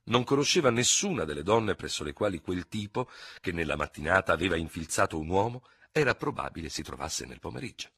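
A man reads a classic novel aloud in a very deep, husky voice. His delivery is expressive and theatrical, rising and falling with lively swings of pitch. The recording is dry and close-miked in a studio. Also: fairly quick, few pauses, no room sound. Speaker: audiobook narrator. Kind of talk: scripted literary narration.

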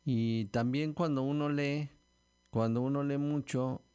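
A middle-aged Mexican-accented man hosting a radio show, explaining spelling rules in a relaxed, chatty way with filler words. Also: medium pitch, a little slow, clear, resonant tone. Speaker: radio host.

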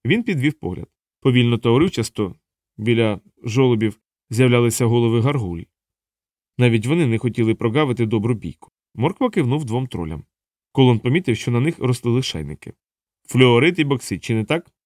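A man reading an audiobook aloud in an even, measured narrating voice. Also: mid-range voice, no room sound, studio quality.

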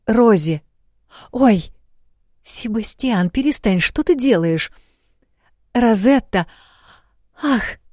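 A woman's voice: mid-range voice, slow pace, pauses often, darkish tone, no echo, clean studio sound, voice pushed up. A woman reading an audiobook, voicing a young flustered noble bride in a breathless, pleading way.

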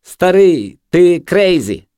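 A man voicing a jeering, unhinged young male street junkie who yells taunts. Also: sits high, very animated, slow pace, clean tone, no room sound, clean studio sound, voice pushed up, exaggerated voice. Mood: taunting.

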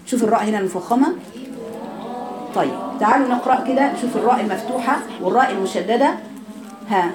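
A woman with an Egyptian accent teaching Quran recitation, correcting students and drawing sounds out slowly to demonstrate. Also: on the high side, background noise. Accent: Egyptian Arabic. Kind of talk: online recitation class.

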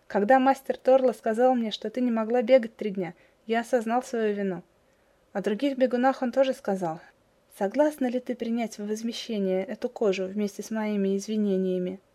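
Earnest young male villager, courteous and eager, a bit high and mellow in tone, read by a woman. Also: steady tone, fairly quick, lightly acted.

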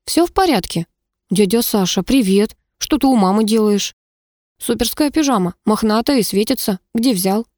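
Woman doing sleepy chatty young daughter, kinda cheerful, mellow tone, dry mic. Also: fairly high pitch, expressive, normal speed, dry recording, close to an everyday voice.

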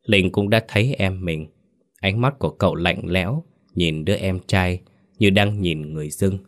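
A man narrating a horror story, in a measured, dramatic reading. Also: low-pitched.

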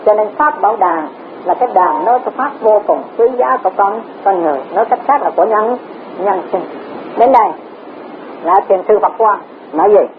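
A woman's voice: mid-range voice, fairly quick. Woman, Dharma teacher, repeats herself, poses rhetorical questions, tinny tape with faint hiss. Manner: repetitive, rhetorical questions, chuckles often. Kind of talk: Dharma talk.

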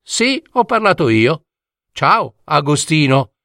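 A man's voice: a little high, very animated, takes it slowly, pushed and bright, dry recording, studio quality, full character voice. A man voicing a chatty, know-it-all male talking dormouse in a fairy tale he reads aloud, speaking eagerly and proudly. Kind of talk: storybook reading.

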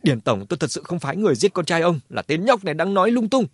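A man voicing a cornered, scheming clan head who shouts denials and threats. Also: sits high, big pitch swings, fast talker, no echo, studio quality, pitched above the performer's own voice. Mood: desperate threatening. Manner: shouting, blustering.

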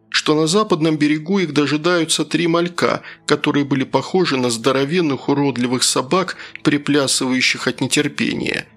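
A man reading a first-person fantasy audiobook in a steady storytelling voice. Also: fairly high pitch. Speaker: audiobook narrator.

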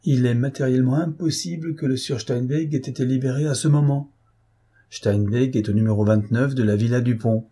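Man reading a cool, mocking gentleman thief. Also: mid-range voice, fairly even intonation, a little fast, husky, close to an everyday voice. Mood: ironic. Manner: dry, mocking irony.

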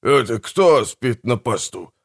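A man's voice: mid-range voice, lively intonation, moderate pace, a bit bright. A man voicing a greedy, quarrelsome bandit brother who snaps and swears. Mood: angry.

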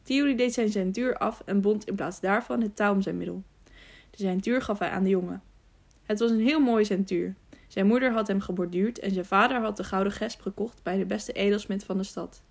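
Woman narrator for an audiobook, calm and measured. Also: mid-range voice, vocal fry. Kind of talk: scripted narration.

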